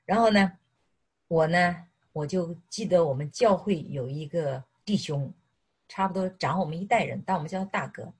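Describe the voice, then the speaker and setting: Breathy middle-aged woman preaching. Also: lowish voice, moderate pace. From mainland China. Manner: animated, repeatedly asks "是不是". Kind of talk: sermon with personal testimony.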